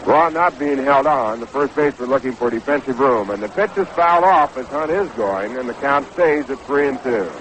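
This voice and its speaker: A male American baseball announcer calls the game live from a ballpark broadcast booth, heard through a noisy 1960s AM radio broadcast. His mid-range, slightly bright voice runs at normal speed with hardly any pauses.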